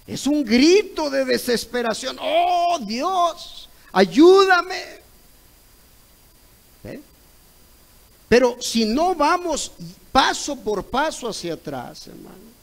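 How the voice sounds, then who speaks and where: A Mexican man preaching a Sunday school sermon, retelling a conversation, pausing to ask "¿ve?" and at times rising to loud cries. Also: extremely high pitch, gravelly, poor audio. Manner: retells a dialogue, repeating "correcto" and "¿ve?"; rises to loud exclaimed cries when acting out others.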